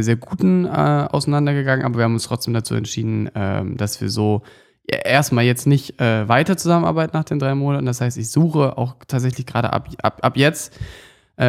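A man's voice: mid-range voice, gravelly, clear, resonant tone. A man, a podcast guest who chats loosely, with many fillers and restarts. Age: 20s. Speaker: guest, agency founder and filmmaker. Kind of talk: casual podcast chat.

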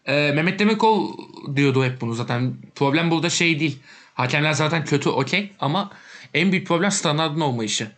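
Young man, rapid talker, brushes off points, casual football chat. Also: a little high, expressive, fairly bright tone. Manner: quick, dismissive, argumentative.

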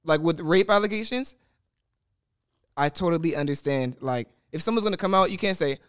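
Young man, slightly higher voice, clear tone, rambling podcast chatter. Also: a little fast. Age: young adult. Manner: rambling, restarts often, animated. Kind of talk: casual group chat.

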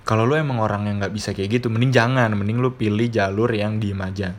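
A man's voice: lowish voice, steady tone, fast. A young man with Jakarta slang, hosting his own podcast as a casual, chatty monologue, blunt and freely swearing. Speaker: podcast host.

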